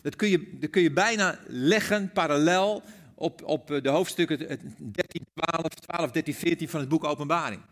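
A man's voice: on the high side, normal speed, a bit bright. An older man preaching a sermon in Dutch, earnest and personal, often repeating words as he stresses a point. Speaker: pastor.

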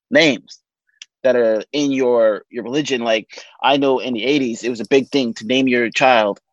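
A man who does voice work, speaking calmly and thoughtfully in a podcast discussion. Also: medium pitch, no echo. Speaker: voice actor. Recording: dull dry sound.

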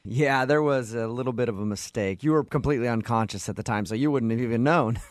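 A male radio host makes a prank phone call, playing it deadpan, feigning confusion, and stifling his laughter. He talks fast in a medium-pitched voice, with no echo on the recording.

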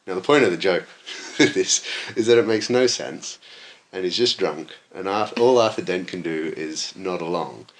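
A young university maths student, being interviewed, talks casually about his studies with dry, self-deprecating humor and frequent chuckles. His voice sits low, and he speaks at a moderate pace with few pauses.

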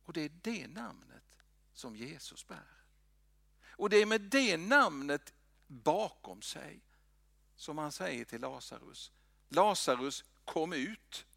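Gravelly pastor preaching. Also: male voice, fairly high pitch, sing-song, long pauses, dry recording, clean studio sound. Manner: dramatic swings from loud to hushed whispers. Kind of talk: sermon. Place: church.

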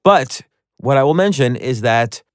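A man hosting a podcast, with a smooth, resonant, mid-pitched voice and an eager, complimentary way of cutting in. Recorded close and dry. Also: animated, measured pace, no room sound. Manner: eager, complimentary, jumps in with his own points. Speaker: podcast host. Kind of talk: casual podcast conversation.

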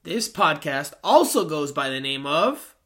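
A man's voice: a little high, very animated, unhurried, bright, forceful tone. A man hosting a sports podcast in a chatty way, talking with a swollen cheek after having wisdom teeth out. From Peruvian American. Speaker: podcast host.

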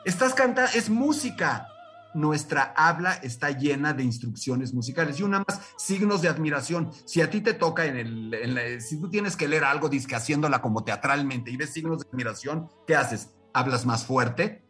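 A Mexican man teaching music as a radio guest, lecturing with lively rhetorical questions and sung examples. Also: medium pitch, normal speed, hardly any pauses, distant mic. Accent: Mexican Spanish. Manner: animated, lecturing, sings short examples. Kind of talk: radio interview lesson.

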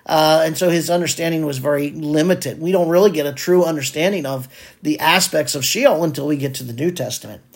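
A man's voice: fairly high pitch, a little fast. A man preaching a sermon on a psalm, earnest and pleading, with many fillers and restarts.

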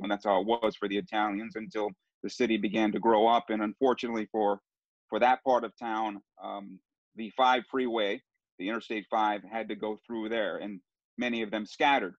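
This sports broadcaster guest, a middle-aged Southern Californian man with a lowish voice, wanders through his story in a casual interview, often restarting and using fillers. There is no room sound; the audio is close, dry, and a bit muffled and dull.

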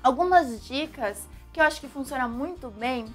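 This young woman from Brazil, accented in Brazilian Portuguese, delivers an animated English lesson on video. Her voice is high and her speed normal, and soft music plays behind her.

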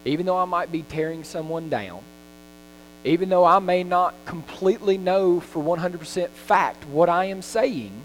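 A man preaching a sermon in a conversational, folksy way, with frequent ums and restarts, recorded in a church. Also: high voice. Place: church sanctuary. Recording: reverberant hall with mains hum.

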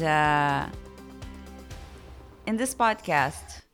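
This young adult podcast host speaks with a Brazilian Portuguese accent, her native tongue being Portuguese. Telling her life story, she is slow and halting, relying on fillers, and her deep voice carries vocal fry with a touch of brightness.

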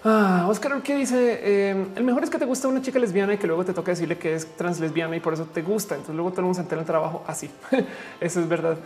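A woman's voice: lowish voice, steady tone, quick pace, darkish tone. A woman in her forties with a Mexican accent, casually chatting and reading viewer comments aloud, laughing often. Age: 40s. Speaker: streamer answering chat. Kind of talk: casual live chat.

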